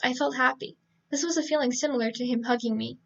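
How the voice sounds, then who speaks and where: A woman's voice: high voice, fairly even intonation, quick pace, gravelly, highs cut off. A woman reading a novel aloud on a casual live stream, stumbling, correcting herself and adding joking asides.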